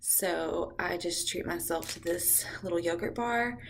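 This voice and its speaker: Young woman, heavily pregnant, casual home vlogger; low-ish voice, filler-heavy chat, softly breathy now and then, faint noise. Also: measured pace. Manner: chatty with frequent ums, drifts into soft whispers. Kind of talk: casual beauty vlog chat. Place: bathroom at home, indoors.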